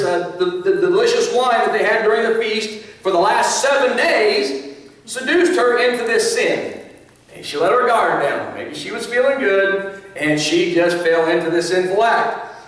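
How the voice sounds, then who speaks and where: A man's voice: sits high, a bit bright. A man preaching a sermon as pastor, in a conversational way with asides and small chuckles. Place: church sanctuary. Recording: echoey hall from a distance.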